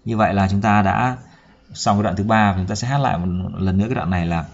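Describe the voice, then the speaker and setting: A man teaching a song lesson, explaining each line slowly, then singing it slowly himself. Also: fairly low pitch, steady tone. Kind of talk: spoken lesson with sung demonstrations. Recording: dull lo-fi recording.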